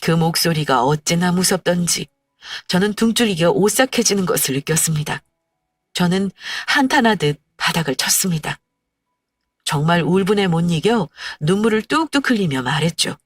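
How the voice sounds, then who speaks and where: A woman reading a first-person story aloud in a soft, measured storytelling manner. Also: on the low side, lively intonation, slightly rough, dry recording. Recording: dry distant mic with faint music. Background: faint background music.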